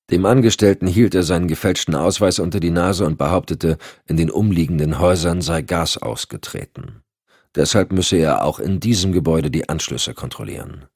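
A man narrating an audiobook thriller in a steady, measured way. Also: extremely low pitch, slightly rough, dry recording, studio quality. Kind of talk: scripted narration.

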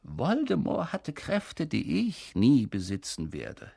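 A reader voicing an old male wizard headmaster, speaking slowly, softly and calmly with a husky tone. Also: medium pitch, no room sound, clean studio sound, heavily acted. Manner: slow, soft and measured.

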